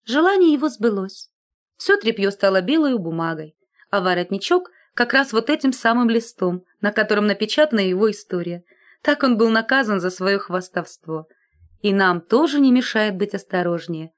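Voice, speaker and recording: A woman reading a fairy tale aloud in an expressive storytelling manner. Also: medium pitch, moderate pace. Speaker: narrator. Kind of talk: scripted fairy-tale narration.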